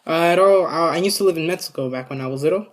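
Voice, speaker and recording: A vlogger telling a story to a camera in a casual, rambling way, swearing often and filling pauses with "you know" and "like". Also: medium pitch. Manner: rambling, profane, many fillers. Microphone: camera set up in front of them.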